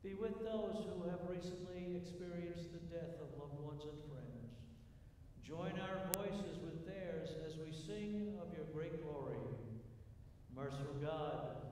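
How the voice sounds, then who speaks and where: Guy leading church prayers, slow measured intoning, cathedral echo w/ long reverb tail, bit of hiss. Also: fairly high pitch, dark tone. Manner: measured, intoned liturgical delivery. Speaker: worship leader. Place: large church sanctuary. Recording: roomy church echo from far off, faint noise.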